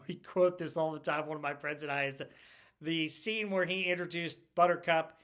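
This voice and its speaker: A man's voice: a little high, fairly even intonation, normal speed, a bit bright. A middle-aged man hosting a casual pop culture video, chatty and rambling, laughing often as he talks. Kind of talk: casual movie retrospective talk.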